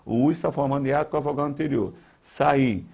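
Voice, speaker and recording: A man's voice: medium pitch, brisk, gravelly, darkish tone, slightly rough. A man with a Brazilian Portuguese accent teaching grammar for an exam, repeating key points with emphasis and talking straight to the viewer. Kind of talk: exam-prep lesson.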